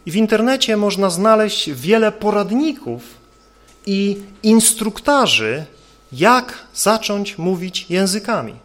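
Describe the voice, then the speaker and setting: A man's voice: high voice, sing-song, slow pace, fairly bright tone. A male preacher delivering an earnest sermon, building his points with rhetorical questions.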